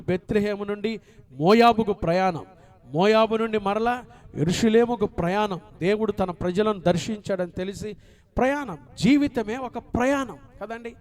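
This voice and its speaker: A man's voice: sits high, a little mellow. A male pastor preaching a sermon, telling a story with acted dialogue and asking the congregation questions.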